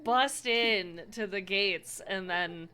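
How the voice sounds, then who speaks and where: A woman's voice: medium pitch, slow, bright, forceful tone. A woman running a tabletop game as dungeon master, laughing often and explaining rules.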